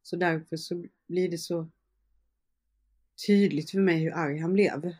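Young woman, warm dark tone, casual storytelling, lots of fillers and quoted dialogue. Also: on the low side, fairly even intonation, husky. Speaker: interview guest. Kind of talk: personal storytelling in conversation.

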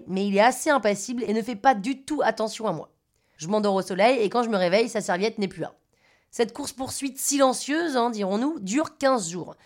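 A woman with a Parisian French accent narrating a personal story, wry, self-mocking and conversational. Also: mid-range voice. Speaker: podcast storyteller.

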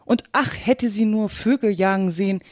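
A woman's voice: a little high, moderate pace, no echo, close to an everyday voice. An earnest, curious young girl, voiced by a woman narrator, eager and polite in tone. Her voice sits a little above the reader's own. The sound is dry and close.

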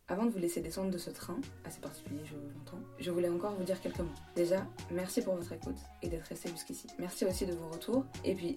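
A woman's voice: lowish voice, distant mic. A woman from France hosting a solo travel podcast, talking in a chatty, wry way with joking asides. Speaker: podcast host.

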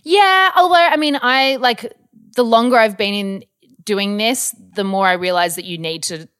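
A woman's voice: on the high side, normal speed, fairly bright tone, smooth. A young Australian woman chatting casually as an interview guest, with lots of ums and likes. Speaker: guest, model and influencer.

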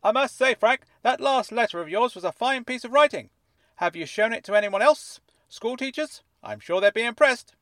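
A man voicing an excitable middle-aged newspaper writer with a fuzzy, wobbly, slightly distorted voice and a gushing way of talking. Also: extremely high pitch, moderate pace, no echo, voice pushed up. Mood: flattering. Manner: effusive, gushing, rambles when excited.

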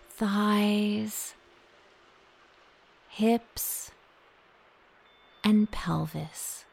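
Slow, soft-spoken meditation guide woman. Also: mid-range voice, creaky. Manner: slow, soft, soothing, half-whispered at times. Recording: soft music behind the voice.

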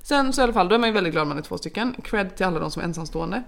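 A woman's voice: lowish voice, expressive, gravelly. A woman in her thirties, a mother and podcast co-host, chatting casually and acting out quotes as she tells family anecdotes. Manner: chatty storyteller, acts out quotes, laughs often. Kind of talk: casual chat.

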